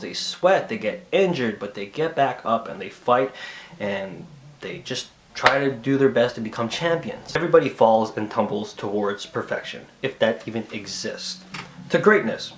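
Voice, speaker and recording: A man giving a casual, lively movie review, acting out quoted voices and dropping into whispered asides. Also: medium pitch, moderate pace, slight background noise.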